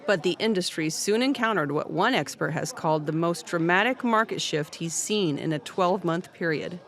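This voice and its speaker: Reporter doing scripted news narration. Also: medium pitch. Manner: steady, measured delivery.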